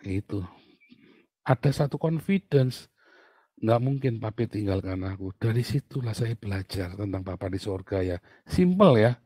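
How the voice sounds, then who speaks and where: A man preaching a sermon, telling family stories in an animated, chatty way with laughs and asides. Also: on the low side, no echo, clean studio sound. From Indonesia.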